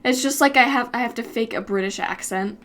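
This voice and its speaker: While animating on a stream, a young woman from the United States chats and rambles casually, giggling often. Her voice is a little high and fairly bright, with a brisk delivery.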